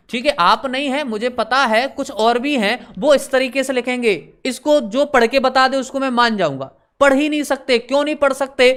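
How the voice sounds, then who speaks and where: A man teaching an exam-prep lesson. He repeats each point, quizzes listeners with questions, slows down on key words and adds teasing asides. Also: very high voice, a bit bright, smooth.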